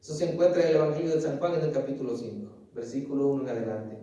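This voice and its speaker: Preaching as a pastor, a man with a medium-pitched, mellow voice and fairly even intonation speaks at a racing pace. He earnestly presses his listeners with repeated questions, often asking "¿sabes?" and addressing them as "querido hermano." The recording is echoey, with a distant mic.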